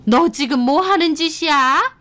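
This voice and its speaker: A woman's voice: sits high, measured pace, pushed and bright, voice pushed up. A woman voicing an older mother-in-law who scolds indignantly, in a story narration. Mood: indignant scolding.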